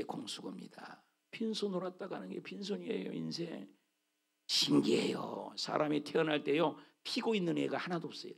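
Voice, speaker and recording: A male pastor preaching a sermon to his church, exclaiming with sudden loud bursts. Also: on the high side, creaky, breathy edge. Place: church sanctuary.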